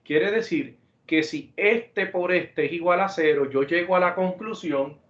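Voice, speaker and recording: A man with a fairly high voice gives a virtual math lecture, explaining patiently and repeating examples. He talks in a steady, deliberate way and restates points as he goes. The recording sounds roomy and somewhat muffled. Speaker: math teacher.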